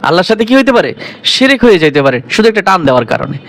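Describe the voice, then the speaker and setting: A man with a Bangladeshi Bengali accent teaching a Quran reading lesson, asking questions and answering them himself, drawing out example syllables slowly. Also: sits high, sing-song, a bit bright. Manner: slows down and drags out example syllables.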